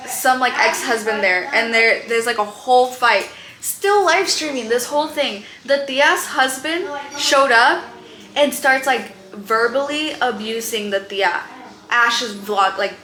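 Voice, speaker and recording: A woman's voice: a little high, a little slow, pushed and bright. A woman vlogger chatting casually to a friend in a bedroom, telling a long story in a rambling way full of fillers. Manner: rambling, filler-heavy, lots of "like". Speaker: vlogger explaining internet drama to a friend. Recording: roomy echo.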